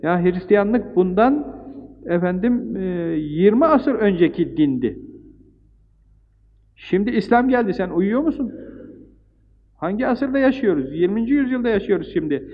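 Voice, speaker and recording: A man's voice: high-pitched, expressive. An older man preaching in an emphatic, rhythmic way, piling up lists and rising on key points. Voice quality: recites Arabic verses quickly. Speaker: Islamic preacher. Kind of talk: religious talk. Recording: tinny phone-like old recording in a hall.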